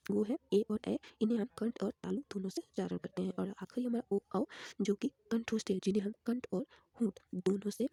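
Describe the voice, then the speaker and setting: A woman's voice: mid-range voice, creaky, mellow, slightly rough, no echo. A woman teaching a grammar lesson, explaining step by step and repeating each term and its examples.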